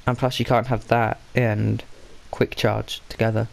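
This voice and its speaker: A gaming channel host with a blocked, stuffy nose rambles casually while playing, frequently correcting himself and muttering under his breath. His gravelly voice is fairly low, level in tone, and measured in pace.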